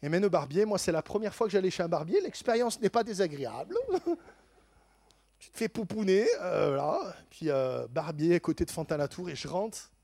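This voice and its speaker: A man telling a lively faith testimony in an animated way, laughing often and stammering into quick repeats. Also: high voice, vocal fry, no echo.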